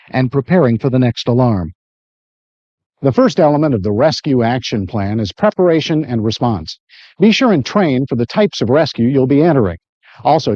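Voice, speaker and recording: A man delivers measured training-video narration in a soft, mellow tone. The voice is dry and close, with very little room sound. The recording is dull and lo-fi, like worn videotape. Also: mid-range voice, no room sound. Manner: measured, instructional. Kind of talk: scripted instructional narration.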